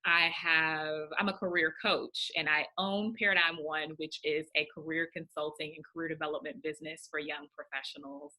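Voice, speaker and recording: A woman's voice: deep voice, steady tone, moderate pace, hardly any pauses, bright, forceful tone. A young adult woman from Houston, a career coach speaking as a podcast guest, upbeat and emphatic, laughing easily. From Houston, Texas. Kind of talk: interview conversation.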